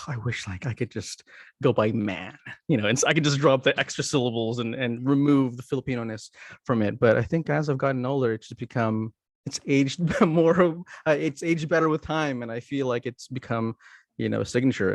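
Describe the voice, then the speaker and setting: Relaxed man on dry, close audio. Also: mid-range voice, no echo. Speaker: panelist. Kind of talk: panel discussion on a video call.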